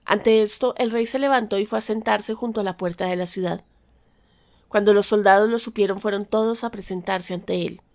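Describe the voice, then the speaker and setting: A woman narrating a Bible reading aloud in a calm, measured way. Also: medium pitch. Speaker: Bible reader.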